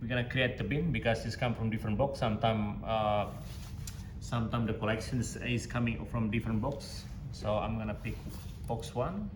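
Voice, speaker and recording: A man with a lowish voice and fairly even intonation keeps a moderate pace during an informal tutorial. As instructor, he demonstrates audio digitisation software step by step, amid echo and clear background noise.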